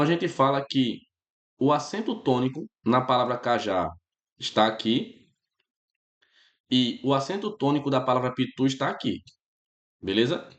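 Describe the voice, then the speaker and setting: A man's voice: medium pitch, reverberant. Chatty Brazilian man teaching grammar. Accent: Brazilian Portuguese. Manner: relaxed, chatty, keeps checking in with the class. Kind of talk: casual spoken grammar lesson.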